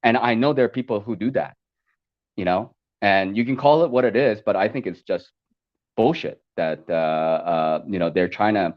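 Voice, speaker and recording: A man born in Korea and raised in America, chatting over a call and talking haltingly with many fillers and restarts. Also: on the low side, dull audio. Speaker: podcast guest. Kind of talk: casual chat over a call. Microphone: video call.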